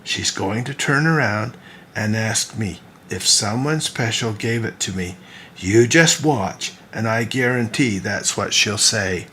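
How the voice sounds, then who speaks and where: A man's voice: on the low side, takes it slowly, pushed and bright, a little hiss or hum. A man reading the part of a dutiful young churchgoer who teases with dry sarcasm, in a storybook reading. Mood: wry.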